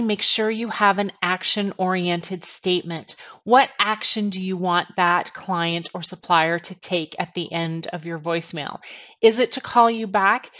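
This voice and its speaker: This forties-aged sales trainer delivers step-by-step tips to camera, putting stress on each point. Her voice is medium in pitch and a bit bright. She records indoors in a small attic bedroom on a headset, and the sound is dull and lo-fi.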